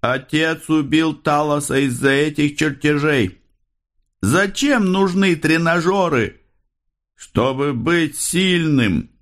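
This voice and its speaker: A man's voice: a little high, takes it slowly, fairly bright tone, voice pushed up. A man voicing a disturbed male detective who mumbles obsessively, his speech slurred.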